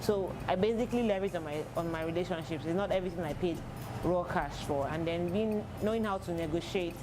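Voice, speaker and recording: A young Nigerian man who works as a fashion designer, giving thoughtful, measured interview answers with frequent pauses. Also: high voice, over music. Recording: noisy outdoor urban recording. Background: street and vehicle noise.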